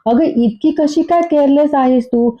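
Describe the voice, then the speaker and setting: A woman's voice: high voice, moderate pace, pitched above the performer's own voice, natural voice. A woman voicing an irritable young husband who scolds and defends himself. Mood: scolding. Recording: dull lo-fi recording.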